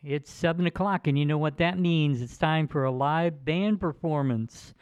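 A man's voice: fairly high pitch, normal speed, darkish tone, clear, resonant tone, no echo. A man hosting as a DJ in a studio, chatting casually and teasing his guests. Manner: teasing, jokey. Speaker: radio DJ host. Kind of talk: casual live studio chat. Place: broadcast studio. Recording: dull lo-fi dry studio sound.

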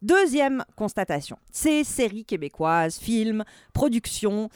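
A woman's voice: a little high, very animated, takes it slowly, darkish tone, clean tone, no echo, studio quality. A woman, chatting as a culture columnist on a radio show, emphatic and laughing often. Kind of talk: casual radio chat.

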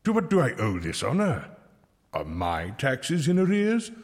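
A medieval friar in an audio drama, set in a reverberant hall. His delivery is pastoral and measured, with lively swings of pitch. He is kindly, with a wry, reproving edge. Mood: gently teasing. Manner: measured, pastoral, gently ironic.

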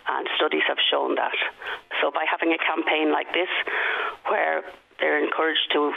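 A woman's voice: sits low, little pitch movement, moderate pace, gravelly. An Irish-accented woman giving an explanatory interview over the phone. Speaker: school teacher. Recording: tinny telephone line.

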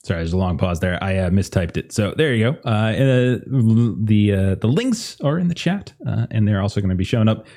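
A man's voice: fairly low pitch, animated, a little fast, hardly any pauses, dark tone. A man narrating as game master, easygoing and rambling, with many fillers and restarts.

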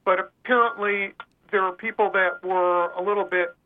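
A man heard over a phone line, telling his own story as an interview guest in a halting, earnest way. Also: high-pitched, steady tone, slight background noise.

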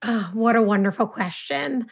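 A woman's voice: a little high, moderate pace, creaky, breathy edge, no room sound. An enthusiastic woman from California co-hosting a podcast, chatting casually with lots of "like". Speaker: podcast co-host.

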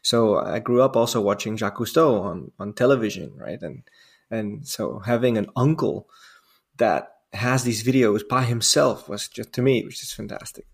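His voice is lowish, gravelly, and husky, moving at a moderate pace. He's a Netherlands-born native Dutch speaker in his forties, guesting as a diving instructor on a casual podcast and spinning rambling, self-entertained stories full of fillers.

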